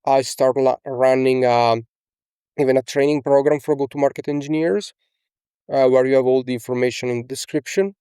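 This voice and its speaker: Clear and resonant with a dark tone, a young Italian man speaks at a normal speed and medium pitch, his Italian accent evident. He acts as a casual coach in a screen-share tutorial inside a small room, often ending with "okay?" and using fillers. Studio quality, no echo.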